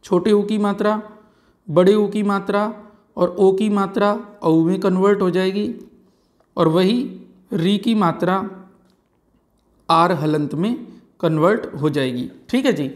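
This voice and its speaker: A man leads an exam-prep grammar lecture, repeating key words slowly and frequently checking in with "है ना" and "ठीक है जी". His voice sits high.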